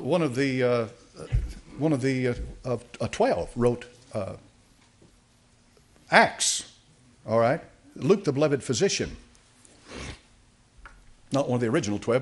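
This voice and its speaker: An older pastor preaches a sermon from the podium of a church sanctuary, captured by a podium mic. His medium-pitched voice is animated and unhurried, with long pauses, and he reads aloud and comments with many fillers and restarts.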